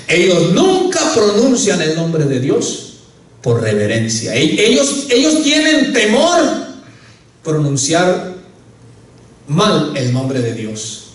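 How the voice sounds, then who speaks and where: A male pastor preaches with earnest, emphatic delivery, his fairly high voice climbing at peaks. He is heard from some distance in a church with a strong, booming echo. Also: huge pitch swings, takes it slowly. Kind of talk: sermon. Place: church sanctuary. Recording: echoey church hall, mic at a distance.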